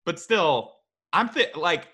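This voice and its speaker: A man's voice: on the high side, expressive, takes it slowly, bright, forceful tone, breathy edge. A young man co-hosting a podcast in casual chat, dry and blunt in his opinions. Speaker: podcast co-host.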